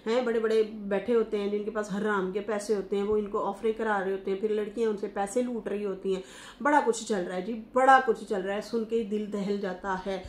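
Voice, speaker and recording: A woman talks through celebrity gossip in a loose, chatty way, stopping on fillers and restarting her words. Her voice sits at a middle pitch for a woman. The room around her gives the sound a roomy echo. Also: a little mellow. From Pakistan. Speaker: YouTube commentator. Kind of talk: casual reaction commentary.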